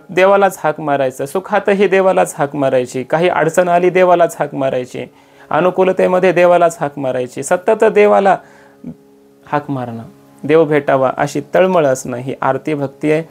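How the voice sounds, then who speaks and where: Male kirtan preacher, raised pitch, chanted verses, faint music underneath. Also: vocal fry, a little mellow. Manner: slows to chant quoted verses, rises in emphasis. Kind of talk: devotional sermon with chanted verses.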